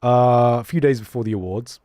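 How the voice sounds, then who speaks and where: This streamer is a young man whose mid-range voice is captured in a dry, studio-quality recording. Speaking in a mixed English accent with a touch of British, he chats casually, reads viewer messages and stays animated, laughing often and restarting sentences quickly.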